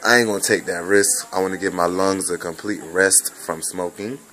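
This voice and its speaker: Deep-voiced man with a Bahamian-Jamaican accent. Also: fairly even intonation, pushed and bright, a little hiss or hum. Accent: mixed Bahamian, Jamaican and American. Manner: rambling, repetitive, drawn-out. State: recovering from bronchitis. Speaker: vlogger recording a personal message. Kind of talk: casual personal video message. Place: hospital room.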